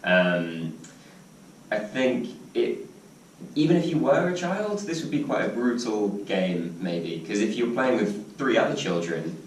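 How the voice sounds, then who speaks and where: A man's voice: fairly low pitch, animated, a little slow. Man for casual group review: rambling, jokey, recorded far from the mic with faint noise. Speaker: board game reviewer. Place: indoor room with other players. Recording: echoey room, distant mic, faint noise.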